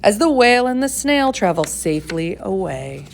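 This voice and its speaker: A woman reading a rhyming picture book aloud to schoolchildren in a measured, singsong way with dramatic emphasis. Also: mid-range voice, very animated, gravelly, slight background noise. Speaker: storybook reader for schoolchildren.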